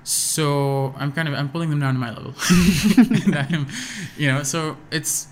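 During a casual podcast interview, a young Pakistani man with an American accent, appearing as a guest musician, sounds hesitant, restarting often and using many fillers. His voice is a little high and his pace measured, with a little hiss or hum in the recording.

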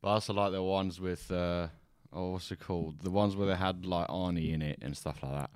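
A man's voice: sits low, steady tone, a little fast, a little mellow, smooth, no room sound, clean studio sound. A man guesting on a podcast as a digital artist, easygoing and agreeable, talking casually about his work. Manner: easygoing, agreeable, lots of short yeahs. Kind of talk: casual chat.

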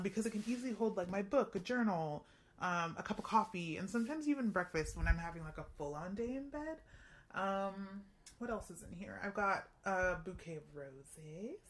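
A woman at an everyday middle pitch chats her way through a casual tour of her home. She giggles often and fills her sentences with plenty of "um" and "like." A faint bed of music plays underneath. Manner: chatty and giggly, lots of fillers. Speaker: lifestyle host. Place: her own home, indoors.

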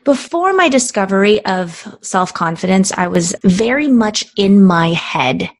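A woman's voice: medium pitch, measured pace. A woman in her thirties, from the Philippines, talking reflectively as a podcast guest. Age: 30s. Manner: expressive, reflective, casual fillers like "like". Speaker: guest, business coach. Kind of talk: interview conversation.

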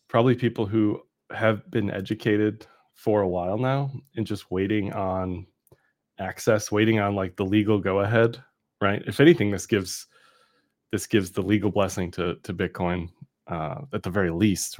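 A man's voice: lowish voice, steady tone, normal speed, a little mellow. A man co-hosting a podcast, explaining markets informally and often checking in with a tag question. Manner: informal, explanatory, punctuated with "right?". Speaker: podcast co-host, market analyst. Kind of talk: casual market commentary.

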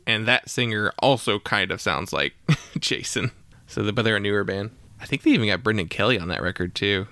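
A man with a bright, forceful tone and a smooth, crisp voice leads a casual podcast chat. He rambles in a relaxed way and laughs easily. The sound is close and dry. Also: fairly low pitch, brisk, no echo. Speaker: podcast host.

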